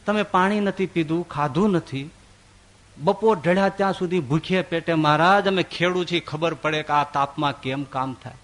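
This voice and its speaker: A man, a swami, giving a devotional discourse and telling a story, acting out the characters' dialogue with big swings in pitch and loudness. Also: normal speed.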